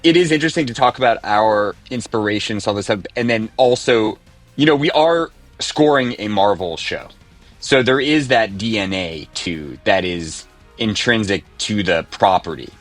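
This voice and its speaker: A man's voice: on the low side, lively intonation, moderate pace, fairly bright tone, soft background music. A man, a composer, talking thoughtfully in a casual interview with many fillers. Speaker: composer guest.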